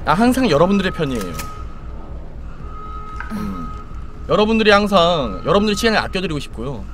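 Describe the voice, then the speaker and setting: Lively, playful young male streamer. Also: sits high, brisk, music in the background. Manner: playful, chatty, puts on silly voices. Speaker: game streamer. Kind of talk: live game commentary.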